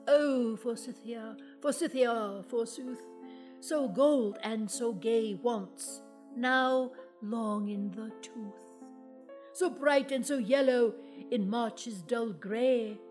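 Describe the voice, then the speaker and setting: A self-important lady poet laureate, put on by a woman in a comic audio play, declaiming in a slow, measured cadence. Her voice sits a little high. Soft music plays faintly beneath her. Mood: reciting grandly. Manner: lofty, declamatory recital. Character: pompous grand female poet laureate.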